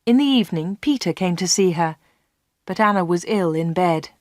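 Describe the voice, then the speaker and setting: A woman reading a graded story aloud in a clear, steady storytelling manner. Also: fairly low pitch, moderate pace, dry recording. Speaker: audiobook reader.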